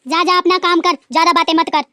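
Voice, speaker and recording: A woman doing a loud scolding mother-in-law. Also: very high-pitched, moderate pace, no room sound, clean studio sound. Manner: loud, scolding, sharp-tongued.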